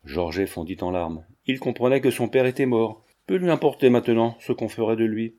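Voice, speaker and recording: A man narrating a novel as an audiobook in a measured, dramatic reading. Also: medium pitch, expressive, warm tone.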